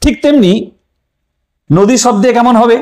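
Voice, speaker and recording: A man teaching a language lesson in a high voice that keeps rising and falling with emphasis. He puts questions to his viewers, answers them himself and leans on the key terms. His tone stays explanatory and friendly throughout. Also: animated, measured pace, dark tone. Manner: asks questions then answers them, stressing key words.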